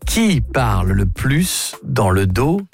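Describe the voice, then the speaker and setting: A man hosting a quick-fire team quiz on a radio show, teasing his colleagues and drawing out each question. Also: medium pitch, big pitch swings, creaky, soft background music. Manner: playful, teasing, drawn-out questions.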